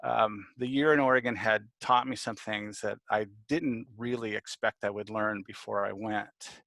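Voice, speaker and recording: Man storyteller, reflective and unhurried, dry close sound. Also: lowish voice, steady tone, vocal fry, fairly bright tone, no room sound. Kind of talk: personal story at a story slam.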